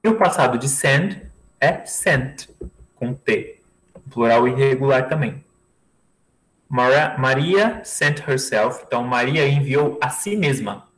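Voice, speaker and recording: A male English teacher who speaks slowly and deliberately, at a middling pitch. He teaches an online class over a video call and patiently repeats each word and phrase for his students. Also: lively intonation, a bit bright, low-quality recording. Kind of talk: online language lesson.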